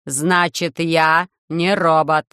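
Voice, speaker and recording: Storybook robot overlord, loud, harsh and metallic, very slow, clear dry delivery, as a reader puts it on. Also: medium pitch, steady tone, no room sound. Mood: cold commanding. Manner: slow, loud, measured commands. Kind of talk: audiobook reading.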